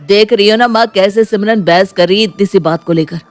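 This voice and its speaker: A man's voice: sits high, a little fast, lightly acted. Male VO: defensive young husband, complaining, cartoon.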